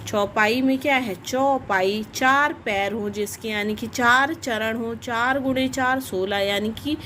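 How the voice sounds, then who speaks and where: Slow-speaking woman teaching grammar. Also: a little high, bright, forceful tone, slight background noise. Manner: slow, explanatory, repeats definitions. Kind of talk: grammar lesson for children.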